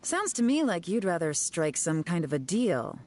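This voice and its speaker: A woman voicing a cool, self-assured enforcer in a video game, measured and commanding with a wry, stern edge. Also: lowish voice, big pitch swings, a little mellow.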